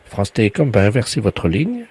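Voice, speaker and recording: A man's voice: lowish voice, huge pitch swings, moderate pace, darkish tone, husky. A man making a prank phone call, posing earnestly as an official and coaxing the listener along. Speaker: prank caller. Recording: phone line.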